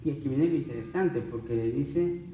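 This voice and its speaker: A man's voice: medium pitch, normal speed, mellow, echoey room, far from the mic, muffled recording, a little hiss or hum. A man preaching a sermon, emphatic and full of rhetorical questions.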